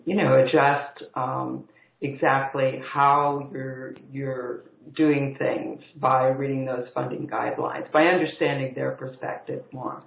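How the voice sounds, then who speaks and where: A man's voice: mid-range voice, creaky. A man calling in over an internet video call, sounding like he is in a cave, speaking earnestly and giving practical advice. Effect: cave-like echo on the voice. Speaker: call-in participant. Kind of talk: casual conversation. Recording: echoey, tinny internet call line.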